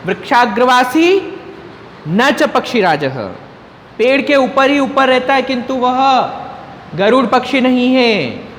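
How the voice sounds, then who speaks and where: A man teaching Sanskrit, chanting each verse slowly and then explaining it twice over. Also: extremely high pitch, animated, fairly bright tone. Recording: echoey room with long reverb, faint noise.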